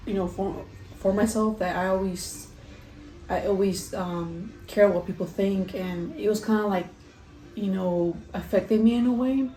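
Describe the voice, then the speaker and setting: A woman's voice: mid-range voice, dark tone. A young adult woman chatting casually and ramblingly during a food vlog, saying "like" often, recorded in a kitchen. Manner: rambling, frequent "like". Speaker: vlogger doing a mukbang Q&A. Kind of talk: casual chat to camera while eating. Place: roomy kitchen at home, indoors. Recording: echoey room with faint background noise.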